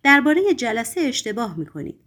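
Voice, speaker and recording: A woman's voice: on the high side, very animated, a bit bright, pitched above the performer's own voice. A woman voicing a sly, mocking male conjurer's assistant in a theatrical, taunting manner.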